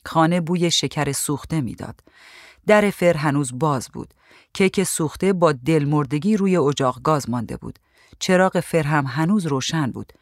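A woman reading a story aloud in a calm, even voice. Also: deep voice, no room sound, studio quality. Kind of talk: storybook narration.

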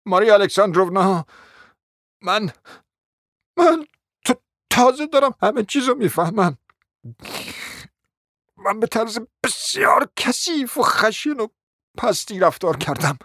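A man's voice: high voice, animated, a bit bright. A desperate, lovesick young suitor in a radio drama, stammering and begging as his voice leaps up and down. The recording is dry, with no reverb. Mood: desperate pleading. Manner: stammering, pleading. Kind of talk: radio play acting.

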